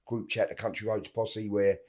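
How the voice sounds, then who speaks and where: A man's voice: on the low side, little pitch movement, moderate pace, darkish tone. A middle-aged man with an Essex accent, chatting casually in a down-to-earth, emphatic way. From East London and Essex, England. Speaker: interview guest, a boxer's father. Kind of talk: casual chat.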